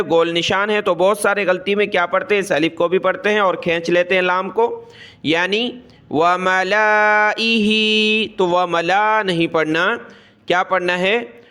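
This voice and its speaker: A man teaching Quran recitation rules, spelling out letters one by one and chanting the words in long drawn-out tones. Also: high voice, fairly even intonation, a bit bright. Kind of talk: tajweed lesson.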